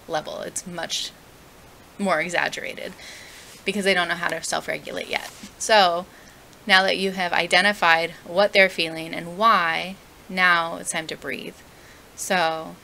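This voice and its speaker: Bright-voiced woman giving parenting advice. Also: lowish voice, gravelly, a little hiss or hum, rough recording. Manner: earnest, conversational, asks the viewer questions. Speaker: parenting educator. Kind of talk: direct-to-camera parenting advice.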